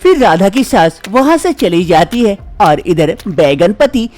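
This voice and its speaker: A man narrating an animated story in a scripted, expressive storytelling manner. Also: high-pitched, measured pace, soft background music.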